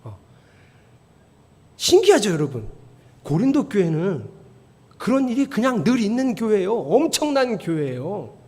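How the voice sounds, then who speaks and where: A man preaching a church sermon, telling stories in a lively way and building to near-shouted emphasis. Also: high voice, unhurried, long pauses. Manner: animated storytelling, rising to near-shouting emphasis. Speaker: pastor. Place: church sanctuary. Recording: long hall reverb.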